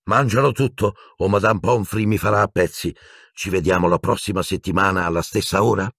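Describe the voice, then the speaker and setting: A man as a calm, firm wizard teacher. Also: deep voice, a little fast, gravelly, dry recording, studio quality, full character voice. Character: kind, careful adult male wizard teacher. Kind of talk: audiobook character voice.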